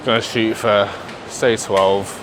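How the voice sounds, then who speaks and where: A man's voice: on the low side, steady tone, takes it slowly, background noise. A man muttering casually and thinking aloud as he films a gym vlog. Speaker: fitness vlogger. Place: indoor gym.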